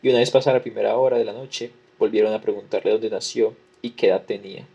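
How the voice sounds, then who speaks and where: A man lecturing, reading a historical record aloud in a measured way and repeating the same formula as he goes. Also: lowish voice, steady tone, creaky, dark tone, lo-fi sound, slight background noise.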